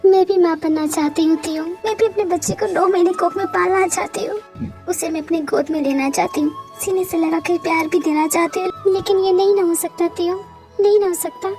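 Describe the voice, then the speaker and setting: A woman's voice: extremely high pitch, steady tone, fairly quick, darkish tone, faint music behind. A woman voicing a grieving young wife in a fan audio drama, tearful and pleading. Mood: anguished.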